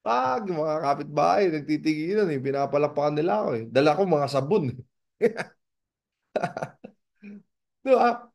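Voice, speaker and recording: A man from the Philippines giving a motivational seminar talk as a business mentor, animated and asking the audience rhetorical questions. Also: on the high side, measured pace, pauses often. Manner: animated, acts out dialogues in raised voices.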